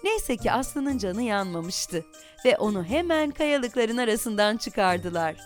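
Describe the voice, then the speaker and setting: A woman reading a children's story aloud in an expressive, animated storytelling manner. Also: fairly high pitch, slow pace, faint music behind.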